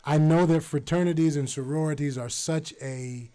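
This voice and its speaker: A middle-aged man hosting a university podcast interview, enthusiastic and quick to laugh. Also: fairly high pitch, fairly even intonation, dark tone. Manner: enthusiastic, exclaims "wow" often, laughs easily. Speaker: podcast host. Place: university audio studio.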